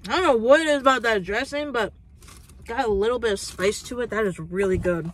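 Recorded by a dashboard phone camera in a parked car, this young food vlogger in her twenties talks on the high side and fairly quickly, with a little hiss or hum in the audio. She's chatty, sprinkling "like" and "um" all through her review.

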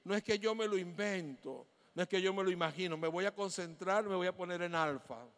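Man, Venezuelan accent, pastor's sermon, high voice, long church reverb. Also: fairly quick. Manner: animated storytelling, acting out dialogue. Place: church hall.

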